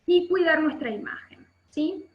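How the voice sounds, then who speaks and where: Over a video call from an indoor room by a window, a female workshop instructor with an Argentine Spanish accent teaches an explanatory online session, often checking in with short questions. Her voice is very high, her intonation lively, and her pace unhurried. The webcam audio sounds muffled and echoey.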